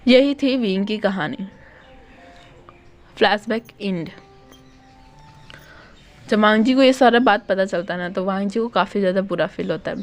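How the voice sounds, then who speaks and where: A woman's voice: mid-range voice, moderate pace, long pauses, faint music behind. Chatty woman retelling a fan story. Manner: chatty, conversational, with tag questions.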